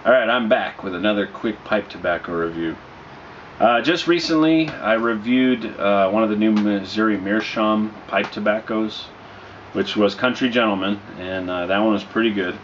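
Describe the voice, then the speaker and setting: Low-voiced laid-back man, dull noisy recording. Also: fairly bright tone. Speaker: pipe tobacco reviewer. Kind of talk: casual product review to camera. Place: small dim living room indoors. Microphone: camera mic at a short distance.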